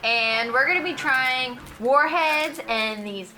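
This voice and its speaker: A woman's voice: sits high, slow, rough recording. A young woman chatting casually as she co-hosts a taste-test vlog, recorded at home on a camera mic. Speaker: vlogger, co-host. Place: living room at home. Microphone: camera mic at arm's length.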